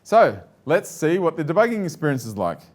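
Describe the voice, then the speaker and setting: A man's voice: on the high side, sing-song, a little fast. A man giving a live presentation to an audience, chatty and joking, with many fillers and restarts.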